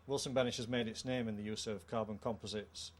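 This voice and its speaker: In this trade show interview, a middle-aged co-founder with a British accent gives a careful, formal technical rundown of his product. He has a lowish voice and keeps a steady tone. The handheld mic captures clear background noise from the indoor show floor.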